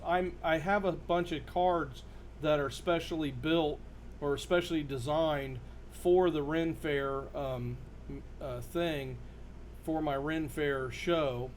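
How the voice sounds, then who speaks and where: A man giving a casual, halting demonstration to camera as a performer showing a card trick. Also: on the high side. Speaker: magician and performer presenting his card trick. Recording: noticeable background noise.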